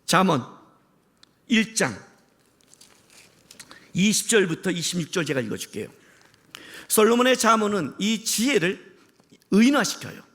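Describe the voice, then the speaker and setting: A man preaching a sermon as pastor, impassioned, shouting for emphasis and firing rhetorical questions at the congregation. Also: sits high, lively intonation, a little slow, pauses often.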